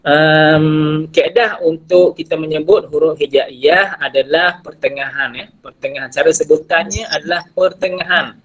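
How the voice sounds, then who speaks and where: A man with a Malaysian Malay accent teaches over a video call, his voice husky and somewhat breathy. He is patient and drawn out, sounding each letter slowly and repeating it for the class. The audio is dull and lo-fi, as from an online meeting. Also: on the high side, steady tone, a bit bright. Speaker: Quran recitation teacher.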